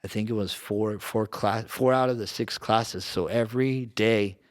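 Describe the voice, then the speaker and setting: Low-voiced man telling rambling stories. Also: moderate pace. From Southern California. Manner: rambling, slangy, frequent fillers and restarts. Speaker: podcast guest. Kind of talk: casual storytelling.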